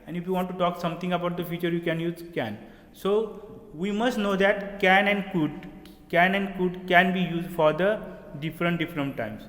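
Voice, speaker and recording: A man's voice: high voice, moderate pace, a bit bright. A man giving a classroom lecture, explaining terms step by step and often checking that listeners follow. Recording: echoey room with long reverb.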